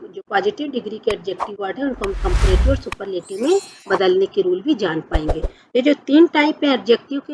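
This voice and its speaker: A woman teacher giving a grammar lesson, who explains patiently, asks and answers her own questions, and reads example sentences slowly. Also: on the high side. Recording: dull lo-fi recording with faint noise.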